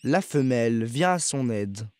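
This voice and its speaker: A man narrating a nature documentary from a script, in a measured, factual, observational manner. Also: mid-range voice, expressive, darkish tone.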